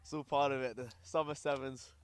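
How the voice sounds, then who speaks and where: A man's voice: mid-range voice, level tone, a little fast, clear, resonant tone. A young man with a Scottish accent, from London, giving live sports commentary mixed with casual chat as a rugby commentator and player. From grew up in London. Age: young adult.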